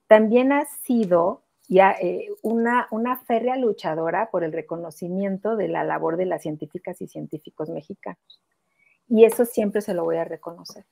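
A middle-aged woman co-hosts a video-call interview with a gravelly, creaky edge to her voice. She talks effusively, piling on fillers as she praises her guest. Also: on the low side, darkish tone. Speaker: co-host. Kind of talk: casual interview chat. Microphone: earphones on video call.

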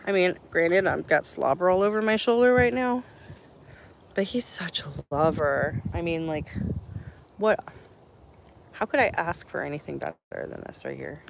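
A woman's voice: on the low side, sing-song, normal speed, creaky, pauses often, a little hiss or hum. A woman chatting casually on a live stream while she tends her horses outdoors, answering viewers and cooing at the animals in baby talk.

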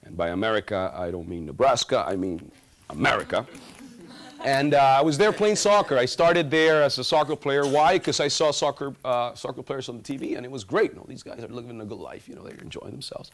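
Animated man. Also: medium pitch, fairly quick. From Guatemala. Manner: animated, gesturing, humorous storytelling. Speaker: student speaker. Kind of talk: stage talk. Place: large auditorium stage.

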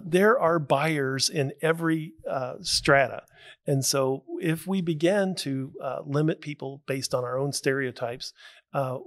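An older man hosting an interview from a small studio, speaking in a measured way with many pauses and fillers. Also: a little high, no echo. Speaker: podcast host. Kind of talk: interview conversation. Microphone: studio mic with headphones.

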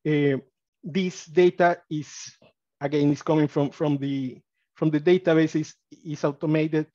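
On the high side and recorded dry, this Spanish-accented man from Mexico shares his screen to walk through college data in a webinar. He halts often, full of fillers and restarts, and grows excited; the computer mic on the video call gives slightly dull audio.

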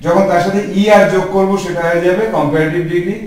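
Male teacher, quizzes the class as he explains, high voice, distant and echoey. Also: fairly even intonation, fast, darkish tone. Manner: asks the class questions and answers them himself. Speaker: English teacher. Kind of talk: spoken grammar lesson. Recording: echoey room from far off.

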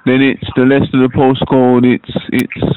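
A man baiting a phone scammer, stalling with hesitant, drawn-out answers and deadpan jokes. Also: medium pitch. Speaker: scam baiter on a call. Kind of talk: prank phone call. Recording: tinny phone line with background noise.

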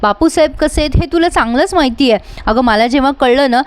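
A woman's voice: high voice, brisk, smooth, no room sound, lightly acted. A woman voicing a manipulative young husband who coaxes and wheedles his wife. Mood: coaxing. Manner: coaxing, wheedling.

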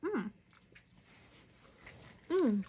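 Woman vlogger, home unboxing, unhurried and wry, higher-pitched voice, sometimes mid-chew. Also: sing-song, warm tone. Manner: chatty, wry, bursts of mock outrage. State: talking while chewing. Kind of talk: casual unboxing commentary.

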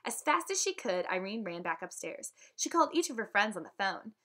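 Reading to a class from a children's book, a female teacher uses a mid-range voice and a slightly fast pace. Her delivery is animated and expressive, with distinct voices for each line of dialogue.

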